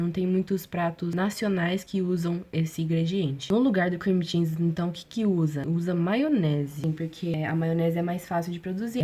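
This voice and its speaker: A woman with a somewhat low voice chats to her viewers in a casual vlog. She talks in an animated way, tossing in slangy asides as she explains. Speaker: vlogger.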